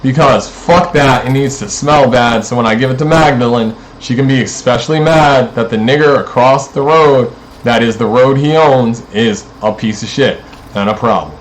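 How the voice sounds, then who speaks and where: A man's voice: medium pitch, moderate pace, a little hiss or hum, rough recording. Profane man in a rambling rant. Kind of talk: rambling monologue to camera.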